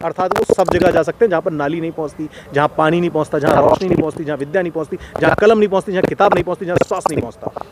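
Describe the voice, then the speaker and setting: A man's voice: on the high side, rapid-fire, hardly any pauses, a loud crowd. A man speaking as an activist in a street interview, lecturing with passion and repeating phrases for emphasis. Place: outdoors in a crowded public place.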